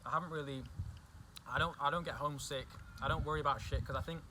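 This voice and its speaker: This young man from England talks fast in a voice on the high side, keeping his intonation fairly even over very noisy surroundings. Chatty and prone to repeating himself, he's a guest in casual conversation who leans on "do you know what I mean."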